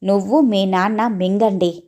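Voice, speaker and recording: A woman's voice: mid-range voice, steady tone, unhurried, close to an everyday voice. Woman reading as a harsh scolding mother. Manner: loud, scolding, cursing. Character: harsh sharp-tongued middle-aged mother.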